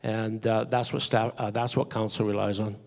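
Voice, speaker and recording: Guy on a council panel, gravelly voice, lots of ums, long hall echo. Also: fairly low pitch, level tone, a crowd in the background. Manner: halting, many fillers, sincere. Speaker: elected official on a panel. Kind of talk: conference panel remarks. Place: conference hall. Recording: reverberant conference hall.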